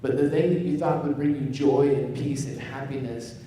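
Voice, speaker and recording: A man's voice: medium pitch, fairly even intonation, moderate pace, dark tone, a little hiss or hum. A young man, preaching a casual sermon from a church stage and telling self-deprecating jokes. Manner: joking, self-deprecating storytelling. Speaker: pastor. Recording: echoey hall, voice from far off.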